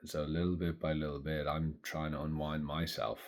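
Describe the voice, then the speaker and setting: A man in his thirties speaking slowly and thoughtfully in a reflective personal monologue. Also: very deep voice, little pitch movement. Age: 30s. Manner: slow, thoughtful, soft-spoken. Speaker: vlogger.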